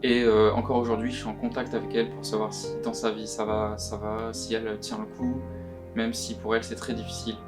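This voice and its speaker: A young man giving anonymous testimony, his voice disguised by being pitch shifted deeper, speaking earnestly and haltingly. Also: flat delivery. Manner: earnest, halting, often repeats words. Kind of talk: recorded testimony, answering questions. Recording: guitar music underneath. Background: plucked guitar music.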